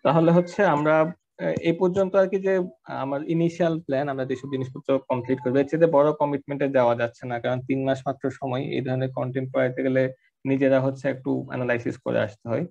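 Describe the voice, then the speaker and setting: A man lectures an online class in a quick, gravelly voice set a little high. He talks in loose, filler-heavy sentences, slipping English words in as he goes. The sound is muffled and lo-fi. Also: fairly even intonation, darkish tone. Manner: conversational, filler-heavy teaching with English mixed in. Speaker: course instructor. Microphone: online class audio.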